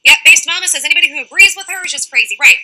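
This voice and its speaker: A young woman talks through a casual livestream, reading out comments from her chat and answering each one directly. Her voice sits high and sounds very bright and forward. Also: expressive, low-quality recording. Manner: fast-talking, reads out chat comments and answers them directly.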